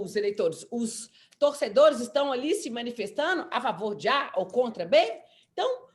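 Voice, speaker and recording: A woman lawyer with a Brazilian accent, speaking as a guest on a panel and explaining with animated, acted-out examples. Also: sits high. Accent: Brazilian Portuguese. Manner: animated, explanatory, acts out quotes. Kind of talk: panel discussion.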